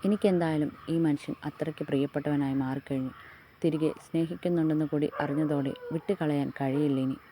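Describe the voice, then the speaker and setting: A woman's voice: sits low, fairly even intonation, fast talker, background noise, natural voice. A woman reading as a shy young wife. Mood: wistful.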